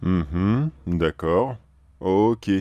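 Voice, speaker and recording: A man's voice: sits low, expressive, very slow, dark tone, lo-fi sound, a little hiss or hum, voice pushed down, full character voice. A man voicing a stern male boss who questions his underling in a horror story. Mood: businesslike. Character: stern male boss of a sinister forest watcher.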